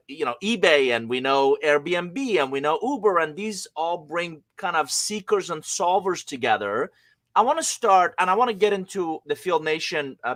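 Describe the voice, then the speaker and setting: Bright-voiced man hosting a live podcast. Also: fairly high pitch, no room sound. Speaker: podcast host.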